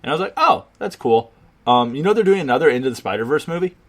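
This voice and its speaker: A man's voice: on the high side, lively intonation, very fast. Young man from chicago, podcast co-host, rambling casual chat, plenty of ums and swearing.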